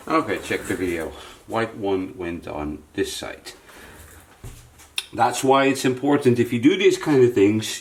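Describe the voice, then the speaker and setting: There's a little hiss or hum behind this man's lowish voice as he gives an informal hands-on tutorial. He talks to viewers and thinks aloud mid-task, much like someone presenting a repair video.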